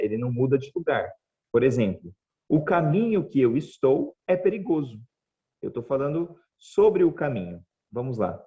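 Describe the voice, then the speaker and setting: A man from Brazil teaching English online, his voice dark and mellow on a slightly muffled recording. He talks patiently and says each word slowly again for his students. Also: a little high. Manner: patient, repeats words slowly for the class, checks in with "tá bom?". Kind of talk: online language class.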